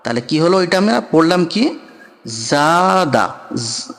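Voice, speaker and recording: A man's voice: sits high, big pitch swings, fast. Patient man teaching Quran reading, echoey. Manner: patient, repeats syllables and asks "understand?". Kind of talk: step-by-step recitation lesson. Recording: long echoing reverb.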